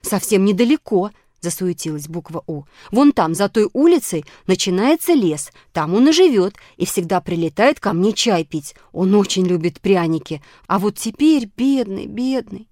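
A woman voicing a flustered, tearful female letter of the alphabet in a children's audiobook, talking loud and high. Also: animated, moderate pace, few pauses, dry recording, studio quality, natural voice. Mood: anxious pleading.

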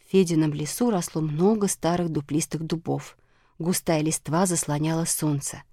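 A woman reading a children's audiobook aloud, telling it lively and giving each character a voice. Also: sits low, moderate pace, no echo, studio quality. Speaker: narrator.

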